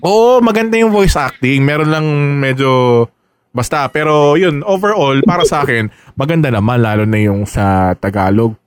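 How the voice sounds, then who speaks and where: A man's voice: mid-range voice, moderate pace, clean tone, no echo. A Filipino man co-hosting a podcast, chatting casually and animatedly. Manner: animated, quotes lines in put-on voices. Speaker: podcast co-host. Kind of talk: casual chat.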